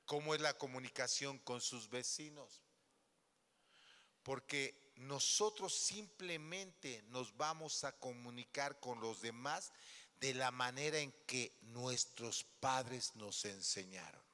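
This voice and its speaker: A man's voice: medium pitch, takes it slowly, pushed and bright. A man pastor preaching a sermon in a church, throwing questions at the congregation and acting out little scenes. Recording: long hall reverb.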